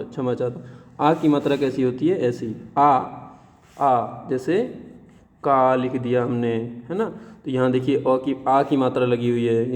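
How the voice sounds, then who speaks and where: A man teaching young children the Hindi vowels and their signs, saying each sound slowly and repeating it. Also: mid-range voice, mellow, in a large hall. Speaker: primary school teacher. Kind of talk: classroom lesson on Hindi vowels.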